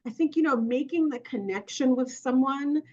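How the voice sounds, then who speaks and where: A woman consultant speaking on an online panel. Her voice sits fairly high and comes through muffled, lo-fi call audio. She talks conversationally, thinking aloud with plenty of fillers. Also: normal speed, warm tone. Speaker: consultant and coach. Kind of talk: webinar panel answer.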